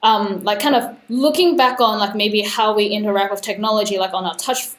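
A woman's voice: mid-range voice, steady tone, a little fast, fairly bright tone, roomy sound. A young woman raised in Australia and Hong Kong, talking thoughtfully as an interview guest, with many fillers. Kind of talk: casual interview conversation.

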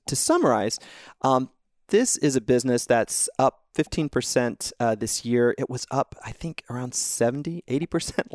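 Male podcast co-host, mid-pitched, relaxed analyst tone, dry close recording. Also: no room sound. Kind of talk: casual investing analysis.

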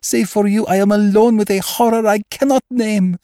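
A frightened young noblewoman, voiced by a man reading a story, her words tremulous and pleading. Her voice rides far above his own and swells louder as the terror grows. The sound is close and dry, with no room around it. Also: high voice, steady tone, normal speed, no room sound, voice pushed up, close to an everyday voice.

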